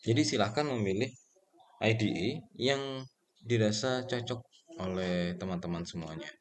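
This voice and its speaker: A man, speaking in a lowish register, teaches programming in a loose, chatty way. He puts questions to the class and answers them himself, with plenty of fillers along the way. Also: normal speed. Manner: relaxed and conversational, with frequent fillers and self-corrections. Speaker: programming lecturer. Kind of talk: casual spoken lecture.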